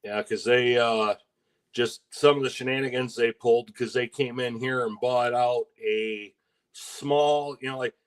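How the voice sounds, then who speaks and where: A man from Michigan co-hosting a casual live stream. He talks in a chatty, wry way and laughs easily, with a mid-pitched voice. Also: steady tone, unhurried, smooth. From Michigan, USA. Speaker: co-host.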